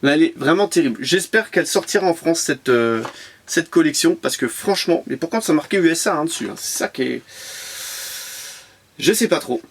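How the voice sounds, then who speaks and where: Man, collector vlogger, upbeat and chatty, slightly high pitch, loose home camera recording. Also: animated, fairly quick, husky. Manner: enthusiastic, repeats words, many fillers. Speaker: toy car collector vlogger. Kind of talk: casual unboxing commentary.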